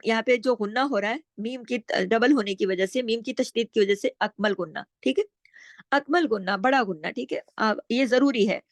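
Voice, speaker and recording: A woman teaching Quran recitation rules, explaining step by step, asking and answering her own questions, and drawing out words slowly when she recites. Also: fairly high pitch, no echo. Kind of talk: tajweed lesson with slow recitation.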